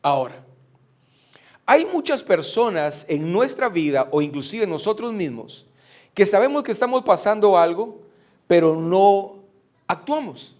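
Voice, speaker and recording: High-voiced pastor preaching. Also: male voice, sing-song, measured pace, darkish tone. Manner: preaching with rhetorical questions to the congregation. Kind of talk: sermon.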